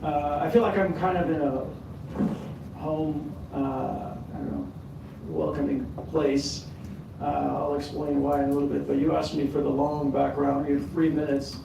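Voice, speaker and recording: A man's voice: a little high, flat delivery, unhurried, gravelly. A man in his fifties on a conference panel, telling his personal story with self-deprecating asides and many fillers and restarts. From born in the US, raised in California, family from Sudan. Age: 50s. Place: conference hall. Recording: echoey hall, mic far off, background noise.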